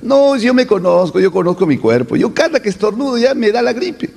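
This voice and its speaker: A man's voice: sits high, sing-song, fairly quick, gravelly, a little mellow, husky, big-room sound, pitched above the performer's own voice, exaggerated voice. A man voicing a fretful hypochondriac friend who is sure every sneeze brings the flu. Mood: fretful insistence. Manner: insistent, fretful.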